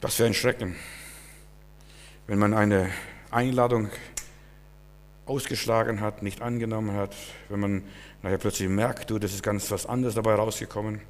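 Male preacher in a reverberant hall. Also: mid-range voice. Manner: emphatic, shifting from loud urgency to hushed warnings. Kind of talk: sermon.

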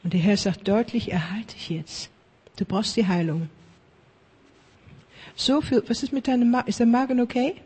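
A preacher leading charismatic prayer ministry, fervently repeating blessings, dropping into whispers at times and mixing in English phrases. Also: male voice, very high-pitched, normal speed, pauses often, darkish tone, slightly rough. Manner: fervent, repetitive chanting of blessings; mixes English phrases into German.

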